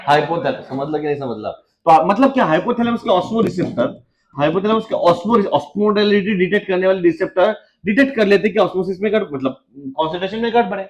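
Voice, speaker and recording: A man teaching biology in a classroom, firing questions at students and teasing them, with quick low asides. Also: muffled recording. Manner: quizzes students with repeated questions, teasing and joking. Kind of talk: lively classroom lecture.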